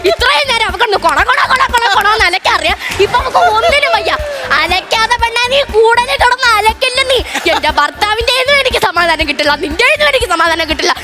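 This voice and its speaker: An actress playing a sharp-tongued housewife in a TV comedy sketch, scolding and bickering with a visitor. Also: female voice, very high-pitched, expressive, quick pace, full character voice. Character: bickering middle-aged housewife, quick to scold. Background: background music.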